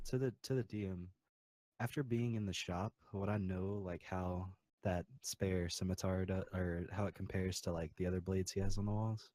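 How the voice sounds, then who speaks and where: Deep, mellow, halting male player. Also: fairly even intonation. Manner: hesitant, halting questions. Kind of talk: tabletop game play.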